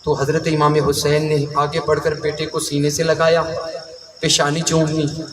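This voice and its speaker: A man's voice: fairly high pitch, monotone, noisy background. A man from Pakistan preaching a mourning sermon with impassioned, half-chanted delivery to a gathering. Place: large mourning gathering hall. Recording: echoey hall mic from far off, crowd. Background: crowd of mourners.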